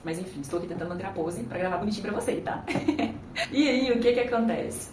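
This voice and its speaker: A woman's voice: mid-range voice, expressive, a little fast. Woman chatting to her phone camera, roomy sound, a bit of noise behind her. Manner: chatty, conversational, addresses viewers directly. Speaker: YouTuber. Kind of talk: casual talk to camera.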